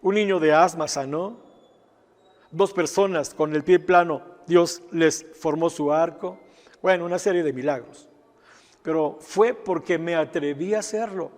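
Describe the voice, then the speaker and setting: High-voiced male pastor in an echoing hall. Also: measured pace, a little mellow. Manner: storytelling, with frequent asides asking "¿verdad?". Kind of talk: sermon testimony.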